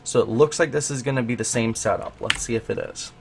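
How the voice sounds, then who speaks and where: A man's voice: medium pitch, fast, vocal fry, background noise. Man casually commentating a game replay. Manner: thinks aloud, grows excited at findings. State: has the hiccups. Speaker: host analyzing a match replay.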